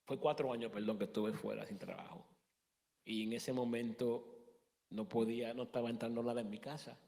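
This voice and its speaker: A man in his thirties giving a halting personal testimony in a church interview, often restarting and slipping in English words. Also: mid-range voice, fairly even intonation, creaky, a little mellow, in a large hall.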